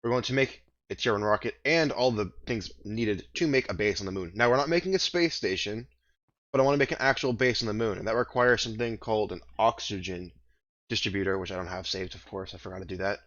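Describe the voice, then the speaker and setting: A man's voice: lowish voice, quick pace, a bit bright, highs cut off. A man casually commenting on his own gameplay, thinking aloud and rambling, with a groggy morning voice. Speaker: gaming video host. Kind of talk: casual let's-play commentary.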